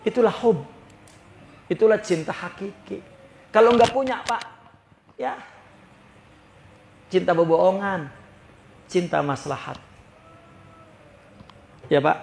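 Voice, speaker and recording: A man's voice: high voice, takes it slowly, creaky, long pauses, a little mellow, slight background noise. Man teaching religion in an echoey hall. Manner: conversational, keeps checking with listeners. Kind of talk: kitab study lecture. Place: prayer hall.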